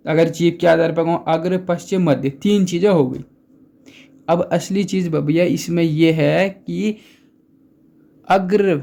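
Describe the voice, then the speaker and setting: A man's voice: fairly high pitch, vocal fry, dark tone. A man teaching Hindi grammar in a casual exam-prep lesson, chatty, asking and answering his own questions and repeating key points.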